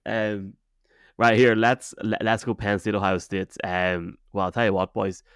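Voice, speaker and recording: An Irish man hosts a casual sports podcast in a fairly low voice. He talks in a chummy, matey way. The sound is close and dry. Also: level tone, measured pace, clear, resonant tone, dry recording. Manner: chummy, addresses guests as man and boys. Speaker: podcast host.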